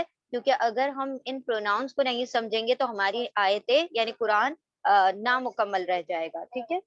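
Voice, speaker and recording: A woman's voice: a little high, fairly bright tone, no echo. A woman teaching a beginners' grammar lesson, explaining step by step with fillers and English terms. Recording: dull, lo-fi sound.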